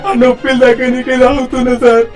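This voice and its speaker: A man's voice: extremely high pitch, monotone, quick pace, far from the mic, soft background music. A man playing a drunken, bullying village husband who taunts his wife. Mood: whining.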